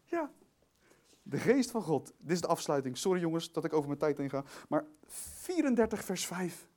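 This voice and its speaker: Animated preacher, lively pitch. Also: male voice, moderate pace. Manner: animated, laughing, swinging between loud emphasis and soft asides. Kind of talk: sermon.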